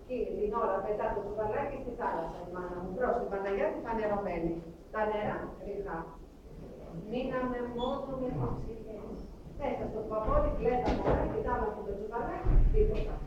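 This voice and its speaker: Woman acting a grieving refugee mom, broken lamenting phrases, highish voice, really echoey hall, mic far away. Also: muffled recording, slight background noise, close to an everyday voice. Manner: halting, lamenting, clipped phrases. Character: grieving refugee mother recounting her family's persecution. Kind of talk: theatrical monologue.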